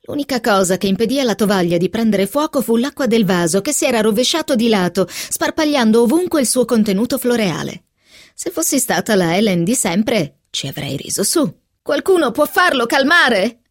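Expressive woman book reader, dry sound. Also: fairly high pitch, fairly quick, no room sound. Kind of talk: expressive audiobook reading.

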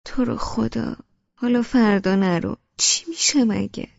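A woman's voice: medium pitch, darkish tone, no echo, long reverb tail, natural voice. A woman voicing a sensitive, stubborn young wife in an audiobook, hurt and pleading, in a dull lo-fi recording. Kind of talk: audiobook character reading.

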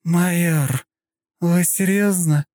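A man voicing a haughty young princess in an audiobook, speaking coldly, slowly and with contempt. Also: high-pitched, darkish tone, no echo, clean studio sound, voice pushed up. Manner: cold, slow, contemptuous, threatening. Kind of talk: audiobook character voice.

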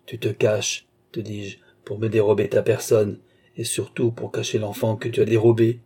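A man's voice: on the low side, monotone, normal speed, slightly rough. A man playing an enraged young nobleman. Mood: accusing. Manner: raging, accusing, shouting at times. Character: furious young male nobleman seeking revenge.

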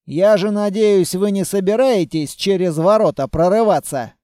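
A touchy male quartermaster in an audiobook grumbles and takes offense easily, as the male narrator puts him on. The voice is high and mellow and recorded close and dry, and he talks slightly louder than the narration. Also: moderate pace, no echo, close to an everyday voice. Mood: grumbling. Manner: grumbling, indignant. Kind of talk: audiobook character voice.

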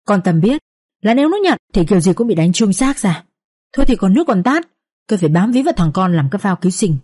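A young woman narrating a Vietnamese family drama with lively, colloquial storytelling. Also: medium pitch, fast talker, husky. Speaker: audiobook narrator.

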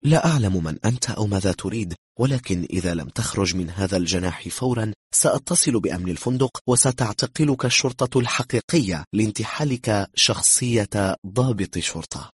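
A man voicing a confident, sarcastic woman, lifting his pitch for her. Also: animated, brisk, husky, dry recording, studio quality. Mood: sly confidence. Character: self-assured, mocking woman, cool and sly.

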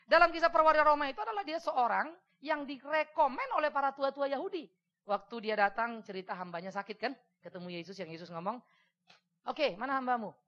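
A woman preaching a sermon in a lively, humorous way, acting out the voices of people in the stories. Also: high voice, fast talker. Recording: dull lo-fi sermon recording.

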